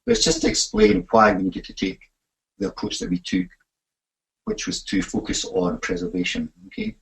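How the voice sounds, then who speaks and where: A man's voice: on the low side, huge pitch swings, normal speed, vocal fry, poor audio. A man with a broad Scottish accent giving a technical webinar presentation, talking with frequent fillers and self-corrections. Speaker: imaging facility manager presenting a webinar.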